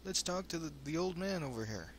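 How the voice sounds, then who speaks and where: A man's voice: fairly high pitch, lively intonation, brisk. A man hosting a let's play with casual, wry commentary that rambles into asides. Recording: home commentary with faint noise.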